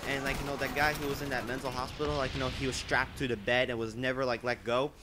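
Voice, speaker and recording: A man's voice: medium pitch, flat delivery, quick pace, background noise. A teenage boy telling a rambling story over gameplay, full of filler words and restarts. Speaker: gameplay commentator.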